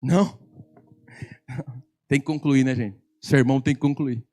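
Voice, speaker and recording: A man with a Brazilian Portuguese accent preaching a sermon at a church service, telling a story in an animated, teasing way that often gets loud. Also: medium pitch, a little slow. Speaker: pastor.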